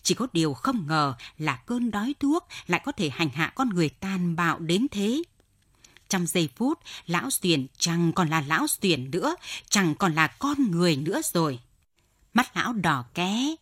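A woman reading a story aloud in an expressive, dramatic narration. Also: on the low side, moderate pace, slightly rough, no room sound, clean studio sound. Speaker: audiobook reader.

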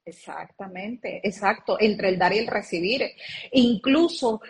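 A woman's voice: medium pitch, measured pace. A woman speaking as an interview guest over a video call, earnestly explaining and drawing on her own experience.

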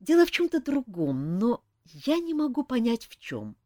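A woman voicing a sad, gentle nymph who speaks sorrowfully. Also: a little high, huge pitch swings, moderate pace, dry recording, clean studio sound, pitched above the performer's own voice. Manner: sorrowful, soft.

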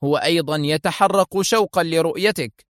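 A man's voice: a little high, a little fast, a bit bright, no room sound, pitched above the performer's own voice, lightly acted. A narrator puts on a scheming office manager, raised a little above his plain voice and courteous on the surface with a sneer underneath. It is read close and dry, like an audiobook character. The menace sits behind good manners. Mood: sly. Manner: smooth and courteous, then sneering.

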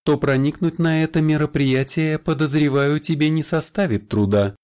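A man's voice: mid-range voice, measured pace, darkish tone, voice pushed up, close to an everyday voice. A man voicing a sly, smirking male vampire elder who speaks in a raised, confiding voice in an audiobook. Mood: smug confiding.

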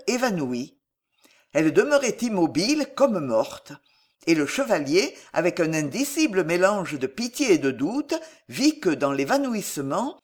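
A woman narrating a historical novel in an expressive, dramatic reading. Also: on the low side. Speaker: audiobook reader. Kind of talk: scripted narration.

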